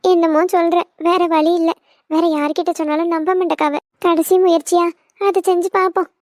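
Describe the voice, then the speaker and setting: Woman playing a very high, bossy old village lady in a cartoon, dry. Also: flat delivery, brisk, darkish tone, no echo. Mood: resigned. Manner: bossy, coaxing. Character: bold older village woman, leader of friends.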